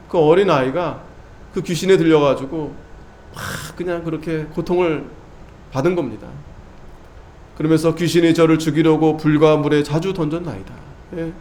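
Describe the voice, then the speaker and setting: A male pastor delivers an emphatic sermon in a fairly high voice. He repeats his main points for weight. He moves between loud, driving exhortation and quiet, hushed asides. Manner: emphatic, repeats key phrases.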